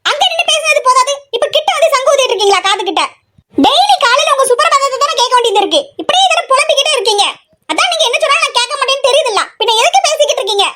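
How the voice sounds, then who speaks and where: Woman as a cheeky sleepy college daughter, very high and whiny, talks back. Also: expressive, racing, heavy background noise. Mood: mocking.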